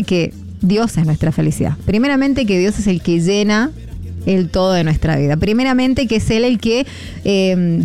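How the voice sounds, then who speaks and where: Warm-voiced Argentine woman radio host. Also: mid-range voice. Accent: Argentine Spanish. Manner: rambling, hesitant, many fillers, encouraging. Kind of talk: devotional talk on air.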